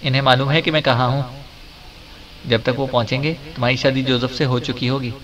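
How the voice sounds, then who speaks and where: Man reading male detective, bossy, threatening, mid pitch. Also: steady tone, brisk, fairly bright tone, dull audio, slight background noise, lightly acted. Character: domineering wisecracking male detective.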